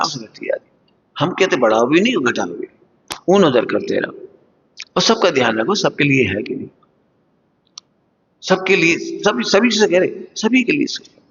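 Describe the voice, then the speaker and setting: A man's voice: high-pitched, a bit bright. Middle-aged man preaching in a reverberant hall. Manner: homely, conversational, addresses listeners as children. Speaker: religious teacher. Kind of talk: sermon to students. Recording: dull lo-fi hall recording with long reverb.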